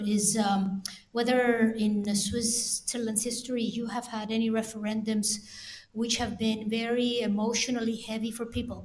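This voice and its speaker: Higher-voiced woman asking a question, echoey hall. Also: a little mellow. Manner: measured, polite questioning. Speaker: audience member asking a question. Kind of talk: public Q&A question. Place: conference hall.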